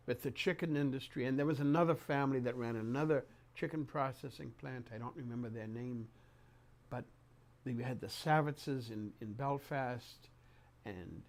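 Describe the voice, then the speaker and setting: An older man reminiscing in an oral-history interview, speaking haltingly with repeated words and pauses mid-sentence. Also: mid-range voice. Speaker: interviewee recounting memories.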